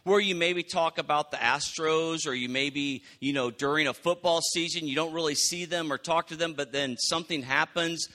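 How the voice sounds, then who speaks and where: A man preaching a sermon in a conversational, animated way, often acting out quotes. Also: fairly high pitch, normal speed, few pauses. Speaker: pastor.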